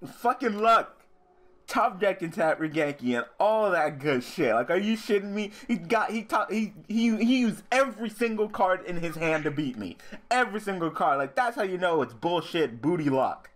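A man's voice: high-pitched, expressive, moderate pace, few pauses. A young man hosting a casual card game commentary, swearing constantly and ranting about losing. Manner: swears constantly, ranting and furious over a loss. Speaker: host.

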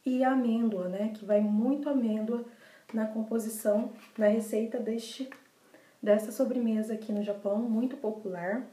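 A young adult Brazilian woman, speaking with a Brazilian Portuguese accent, chats casually to the camera in a vlog where she shows off desserts, repeating words for emphasis. Her voice is fairly high with a dark tone. She's in a small, bare indoor room, and the recording is echoey.

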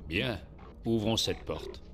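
Curt, low-voiced military captain. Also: male voice, takes it slowly, noisy background. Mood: curt, cool. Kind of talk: French video game voice acting.

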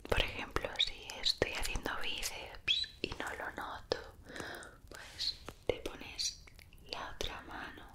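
A woman from whispers soothing ASMR very close to the microphone, breathy and unvoiced, softly repeating words. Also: takes it slowly. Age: 20s. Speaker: ASMR creator. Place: small indoor room. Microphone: close-up studio microphones.

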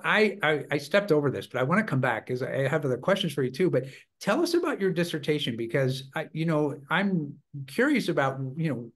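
A man hosting a podcast interview, talking in a casual, halting way with lots of fillers. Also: a little high. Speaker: podcast host.

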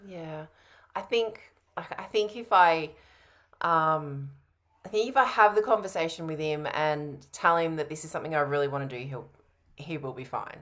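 Speaking at a moderate pace, a woman in her thirties with a low, slightly bright voice answers casually over a video call from home. She's a coaching trainee playing the prospect in a sales roleplay.

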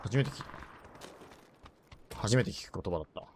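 A woman live-streaming a shooter game in casual chat, rough and tough-talking, joking, reacting loudly to the game and greeting viewers. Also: rumbling low, animated, fairly quick, a little hiss or hum.

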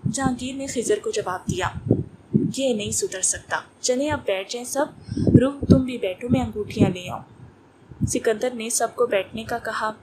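A woman's voice: on the high side, a little slow. A woman narrating a romance novel, reading all the parts in her own voice. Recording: noisy recording with clicks.

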